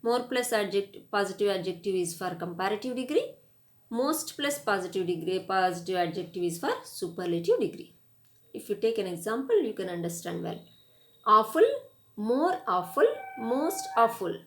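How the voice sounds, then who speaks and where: A woman's voice: medium pitch, expressive, moderate pace. A woman with an Indian English accent giving a grammar lesson, spelling words out letter by letter and reading word lists. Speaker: English teacher. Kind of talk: classroom grammar lecture.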